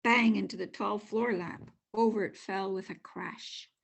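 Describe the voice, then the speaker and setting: An older woman narrating a children's storybook aloud in an expressive, measured way. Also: medium pitch, gravelly. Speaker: storybook reader.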